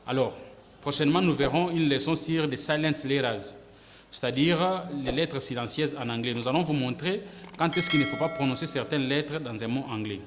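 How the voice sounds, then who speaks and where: A man giving a language lesson to camera, slow and careful, repeating phrases to model pronunciation. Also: medium pitch. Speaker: English teacher. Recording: long reverb with faint background noise.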